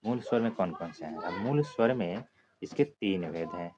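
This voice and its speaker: Very deep-voiced man teaching grammar. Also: animated, moderate pace. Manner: explains step by step, often checking with "ठीक है". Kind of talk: Hindi grammar lesson for exam students. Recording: dull lo-fi sound with clear background noise.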